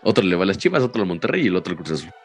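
Teen male co-host, Mexican accent, profane and heated, pitch leaps around, faint music behind. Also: very animated, very fast, breathy edge. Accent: Mexican Spanish. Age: teens. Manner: swears a lot, voice jumps high when heated. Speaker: podcast co-host. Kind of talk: casual argumentative banter.

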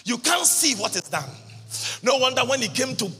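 A man preaching a sermon at a convention, in chanted, half-sung lines that burst into shouts. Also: very high-pitched, big pitch swings, normal speed, husky. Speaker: prophet preaching. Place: large church or convention hall. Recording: reverberant hall with music behind.

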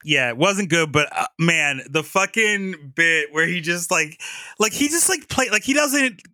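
A man co-hosting a casual podcast, telling a story with lots of energy. His voice is strikingly bright, and a little higher than most men's. He is recorded close and dry, with almost no room sound. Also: measured pace, no echo. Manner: animated storyteller, acts out quotes, laughs a lot. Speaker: podcast co-host. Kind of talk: casual chat, retelling a funny story.

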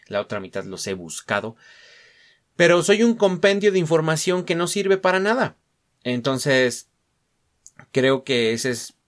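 A young Mexican man talks loosely into his podcast mic, wandering off topic and tossing in slang and fillers. His voice sits in an ordinary middle register, and his easy, self-mocking chat keeps drifting from point to point. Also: mid-range voice. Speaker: podcast host. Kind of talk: casual solo podcast monologue.

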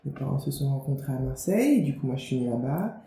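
This young Guadeloupean author and media founder, a guest in an interview, has a rumbling low, creaky, mellow voice with a sing-song lilt, and she talks fast. Her casual chatter is thick with fillers and restarts. The space sounds roomy, with faint noise.

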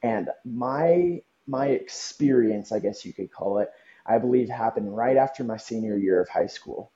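A man's voice: medium pitch, moderate pace, warm tone. A young man from Southern California, a podcast guest talking earnestly and reflectively with frequent ums. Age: young adult. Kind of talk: podcast interview. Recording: dull lo-fi audio.

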